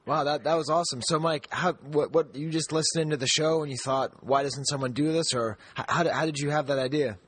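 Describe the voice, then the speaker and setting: A man's voice: a little high, a little fast, few pauses, a bit bright. A man hosting a podcast, talking in a friendly, jokey way with lots of restarts. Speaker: podcast host. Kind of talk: casual podcast chat.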